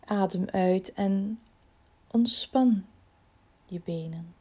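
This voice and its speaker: A woman leading a guided body-scan relaxation in a slow, soothing, soft voice that often drops near a whisper. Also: medium pitch, slightly rough.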